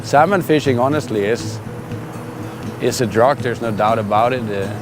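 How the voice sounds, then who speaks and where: A middle-aged man from Denmark, a fishing guide, talking candidly and relaxed in a documentary interview with frequent "uh"s and restarts. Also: medium pitch, moderate pace. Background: music.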